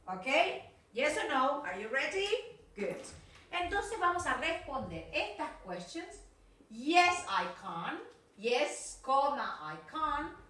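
A woman English teacher with an Argentine accent, giving a recorded class for children and drilling words slowly and with exaggeration, switching to Spanish to explain. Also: high voice, pushed and bright, very echoey, recorded from a distance.

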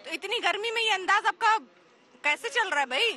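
A woman's voice: very high-pitched, animated, brisk, pushed and bright. A woman field reporter interviewing people on a city street for TV news, asking playful, teasing questions. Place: outdoors on a busy city street. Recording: noisy street crowd behind. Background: street crowd.

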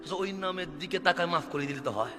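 A male preacher, giving a waz sermon that swings between fervent shouting and quick, low conversational asides as he acts out dialogues. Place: large religious gathering. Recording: echoey hall with faint music.

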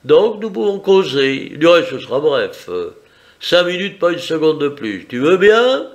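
A man voicing a suave, mocking gentleman thief in a teasing, confident way. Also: a little high, very animated, a little slow, voice pushed up.

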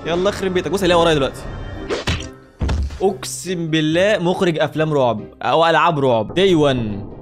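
A young man with an Egyptian accent talks through a horror game at breakneck speed, his voice sitting fairly high. He jokes, swears by God constantly and jumps at every scare. Faint game music plays behind him. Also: fast. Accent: Egyptian Arabic. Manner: jumpy, joking, swears often and gets easily startled. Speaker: gaming YouTuber. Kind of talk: horror game let's-play commentary.

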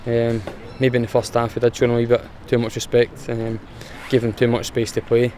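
A young Scottish footballer answers post-match questions outdoors in a matter-of-fact way, his pitch staying flat and even. Faint traffic and outdoor noise sit behind his voice. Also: brisk. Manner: plain, matter-of-fact, restarts with fillers. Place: outdoors in front of a sponsor board.

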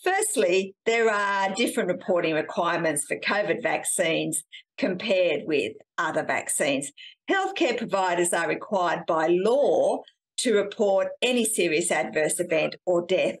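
Woman, middle-aged, science-video host; low, expressive voice, emphatic explainer, close camera in a small room. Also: a little slow. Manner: animated, emphatic, gesturing with hands. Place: small indoor room, seated on a couch.

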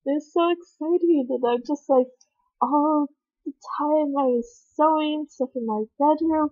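Young woman vlogger, bubbly and rambling, slightly high voice, dull lo-fi webcam audio. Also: steady tone, unhurried, dark tone, dry recording. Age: young adult. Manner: bubbly, rambling, giggly with dramatic quoted asides. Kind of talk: casual chat.

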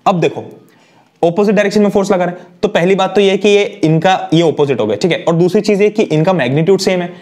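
Lively, chatty young male teacher. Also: high-pitched, fast. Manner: lively, chatty, asks students questions. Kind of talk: energetic one-shot lecture.

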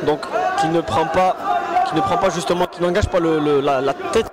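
High-pitched male MMA commentator, loud crowd. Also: expressive, normal speed. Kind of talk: live sports commentary. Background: loud event crowd.

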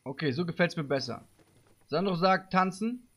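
A man live-streaming a game, chatting with viewers in street slang and giving them playful orders, breaking into loud shouts. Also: a little high, expressive, moderate pace. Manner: bossy playful commands to viewers; street slang, calls people bro. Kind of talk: live-stream gameplay chat.

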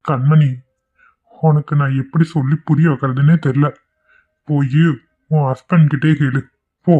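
A man's voice: fairly high pitch, fairly even intonation, unhurried, phone-quality sound. A man voicing a weary young man in a cartoon, resigned and pleading to be left alone.

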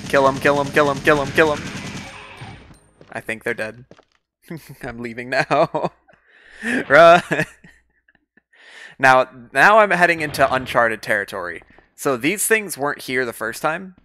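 A man's voice: medium pitch, sharp tone, a little hiss or hum. A man giving chatty live-stream commentary while playing a video game, talking to his viewers and his pet between moments of play.

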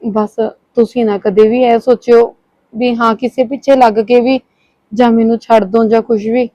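A woman's voice: fairly high pitch, little pitch movement, normal speed, dry recording, lo-fi sound, natural voice. A woman playing an anxious young bride. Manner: soft, pleading and worried. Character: young new bride, anxious and put-upon. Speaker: actor. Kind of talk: village short-film acting.

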